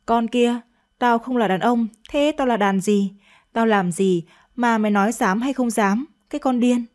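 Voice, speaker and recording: A woman's voice: on the high side, normal speed, a little mellow, close to an everyday voice. A woman voicing a cold, mocking husband. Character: crude, scornful young husband.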